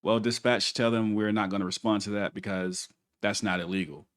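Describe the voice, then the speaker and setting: Low-voiced male commentator. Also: steady tone, brisk, clear, resonant tone. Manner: emphatic, critical, repeats points. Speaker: host and commentator. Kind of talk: commentary on a video.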